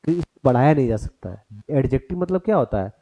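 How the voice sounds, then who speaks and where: A man's voice: mid-range voice, lively intonation, fast, mellow. A man teaching a grammar lesson for exam prep, who turns each point into a question for the class and mixes English terms into his explanation.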